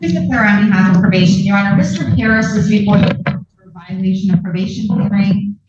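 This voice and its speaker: A woman's voice: medium pitch, fast talker, heavy reverb, over loud music. Probation officer, woman, far from the mic on a dull courtroom recording, reading a report with ums and uhs. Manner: reads a formal report, with frequent ums and uhs.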